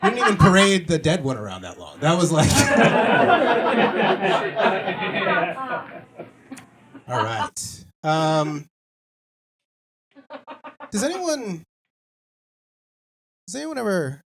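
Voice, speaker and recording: A man doing a stand-up comedy set, rambling and exasperated, breaking into loud rants, with an audience laughing throughout. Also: sits high, wildly swooping pitch, extremely slow, long pauses. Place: small comedy venue with live audience. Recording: live club recording with loud crowd.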